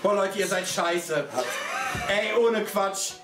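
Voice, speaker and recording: A man's voice: sits high, steady tone, takes it slowly. A young man performing as a drag queen, bantering through a comic challenge in a campy, dramatic, whiny way. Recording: roomy, music behind.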